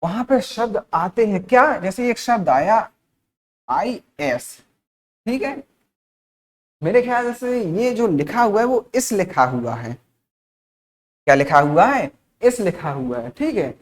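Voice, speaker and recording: A male teacher from India leads a spoken-English class. He drills each word slowly and repeats it, poses questions and answers them himself, and adds short check-ins throughout to keep students with him. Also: sits high, big pitch swings. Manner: repeats words slowly, asks and answers his own questions; frequent checking-in tag phrases.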